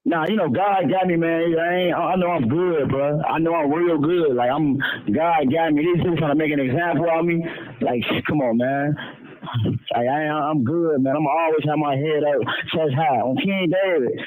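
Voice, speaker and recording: A man's voice: fairly high pitch, moderate pace, no room sound. A man in his twenties calling in from jail, his voice muffled as if heard through a wall. He rambles and keeps repeating the same catchphrases. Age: 20s. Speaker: caller phoning in from jail. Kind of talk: casual call-in chat.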